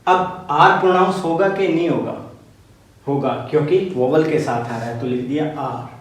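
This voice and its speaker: Male teacher, fairly high voice, patient and repetitive, recorded in a very echoey room a little off-mic. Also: moderate pace, recorded from a distance. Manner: patient, repetitive, checks in with "ok, clear?". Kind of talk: phonetics lesson explaining symbols step by step.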